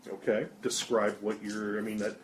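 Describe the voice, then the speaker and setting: A man's voice: on the low side, little pitch movement, moderate pace, slight background noise. Man running a tabletop game. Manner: descriptive, rules-minded. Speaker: game master. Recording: roomy table recording.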